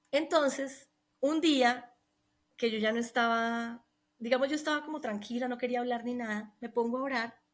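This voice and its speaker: A woman's voice: a little high, fairly bright tone. A middle-aged woman giving an emotional personal testimony, recounting events earnestly and quoting the people involved. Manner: earnest, recounting with quoted dialogue. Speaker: guest telling her testimony.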